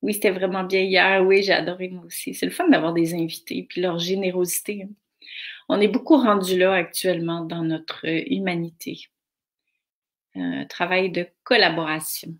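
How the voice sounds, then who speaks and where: A woman's voice: fairly low pitch, little pitch movement. A middle-aged woman with a Québécois French accent, hosting a live stream and chatting casually as she greets viewers by name from the comments. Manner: slow, warm greetings read from comments.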